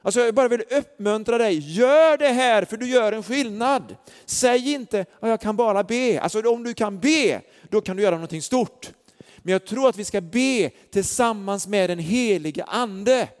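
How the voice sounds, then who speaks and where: A man preaching a sermon, telling stories earnestly with lots of fillers. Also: high voice. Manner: earnest storytelling with many fillers. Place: church hall. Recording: long church hall reverb.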